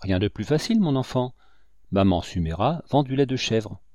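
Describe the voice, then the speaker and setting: A man voicing a shrewd old hunter and guide who talks in a calm, fatherly, gently teasing way, in an audiobook reading. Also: medium pitch, moderate pace, no room sound, lightly acted. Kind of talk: audiobook character voice.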